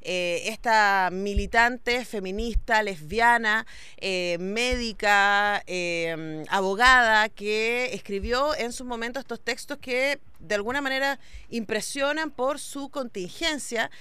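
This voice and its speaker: A woman hosts a radio interview and asks long, thoughtful questions. Her voice is bright and crisp, with a smooth, clear tone. It is recorded close and dry in a studio. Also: on the high side, slow pace, dry recording. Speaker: radio host.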